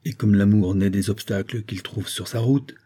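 Male audiobook narrator with a dark, husky voice; measured storytelling delivery. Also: lowish voice. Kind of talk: reading a 19th-century novel aloud.

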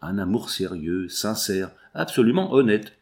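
Male audiobook narrator, expressive and measured, lowish voice, wide pitch. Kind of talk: scripted narration of a novel.

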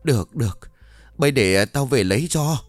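A man playing a loud bossy village neighbor woman. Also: medium pitch, expressive, moderate pace, dry recording, natural voice. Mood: brusque. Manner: blunt, shouting.

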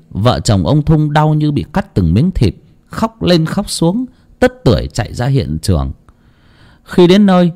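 A man narrating a village horror story in an expressive, dramatic way, dropping to hushed lows and rising for emphasis. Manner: expressive, swings between hushed low and raised tones.

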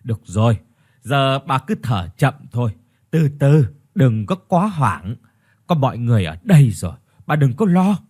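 A man's voice: mid-range voice, big pitch swings, normal speed, darkish tone. A man doing a soothing older village man. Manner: soothing, reassuring.

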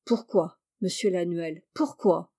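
Woman playing a calm, shrewd female detective. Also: fairly low pitch, slow. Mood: insistent. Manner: gentle, quietly insistent.

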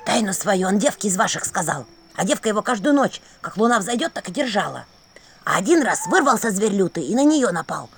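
A woman voicing an old male house spirit who tells secrets and warnings in a hushed, confiding way. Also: medium pitch, very animated, a little fast, a little hiss or hum.

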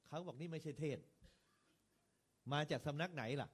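A man with a slightly raised voice gives a talk to a room of monks. He swings between heavy and light stress and keeps a steady, lively rhythm. He turns to his listeners with direct questions as he goes. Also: fairly high pitch, normal speed, husky. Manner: varied stress and rhythm, lively rises and falls. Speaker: Buddhist monk lecturer. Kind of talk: lecture to monks on preaching.

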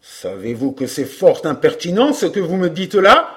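A man's voice: fairly high pitch, very animated, moderate pace, a bit bright. A man voicing a boastful middle-aged knight who mocks ghost stories, in an audiobook reading. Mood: indignant.

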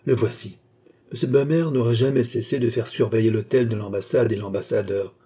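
A man voicing a cool-headed valet accomplice who speaks calmly and plainly. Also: medium pitch, fairly quick, slightly rough, close to an everyday voice.

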